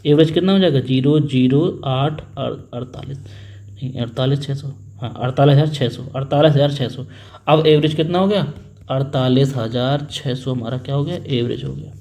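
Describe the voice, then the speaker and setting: A man's voice: medium pitch, moderate pace, vocal fry, warm tone. A young man teaching an exam-prep maths lesson, working sums aloud, repeating figures and prompting his students to answer. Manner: acts out family members in a little story.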